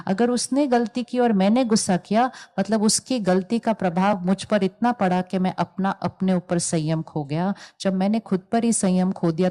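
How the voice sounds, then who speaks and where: A woman giving a calm spiritual talk to an audience, explaining ideas and telling stories with quoted dialogue. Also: mid-range voice. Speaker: spiritual teacher.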